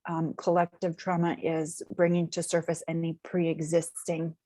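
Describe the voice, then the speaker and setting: A woman representing a community agency answers interview questions in measured, jargon-heavy phrases with many filler words. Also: low-pitched, completely flat delivery, warm tone, dry recording.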